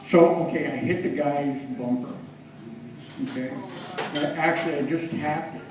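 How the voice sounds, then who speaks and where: Higher-voiced male comic, self-mocking and chatty. Booming room echo, heard from far off. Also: fairly even intonation, moderate pace, background noise. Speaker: stand-up comedian. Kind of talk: stand-up comedy set. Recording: echoey club from far off. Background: audience laughing.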